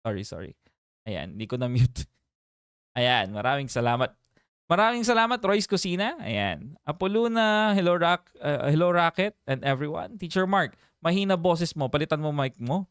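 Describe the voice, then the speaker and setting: Animated, chatty livestream host man. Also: fairly high pitch, normal speed, smooth, no echo, studio quality. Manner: animated and chatty, laughs often, reads viewer names aloud. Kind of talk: casual livestream chat.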